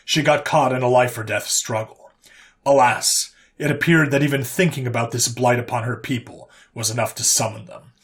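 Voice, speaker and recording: A man's voice: medium pitch, a bit bright. Man reading a sci-fi war story. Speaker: narrator reading a fan story. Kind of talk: scripted sci-fi story narration.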